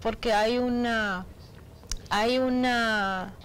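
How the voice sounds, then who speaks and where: A woman doctor answering health questions on a radio show, halting and often adding "¿no verdad?". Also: a little high, fairly even intonation, fairly bright tone, slight background noise, low-quality recording. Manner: slow, halting, tags "¿no verdad?". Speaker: physician guest.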